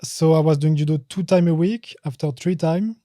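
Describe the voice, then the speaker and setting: A man's voice: a little high, dark tone, no room sound, clean studio sound. French-accented man in broken English. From France. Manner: broken English, short halting answers. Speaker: podcast guest, judo fighter. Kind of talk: casual interview chat.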